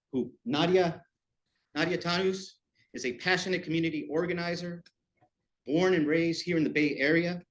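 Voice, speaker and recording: A man hosting a college talk, introducing the guest speaker in a warm, slightly halting way in a lecture room. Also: a little high. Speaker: event host introducing the speaker.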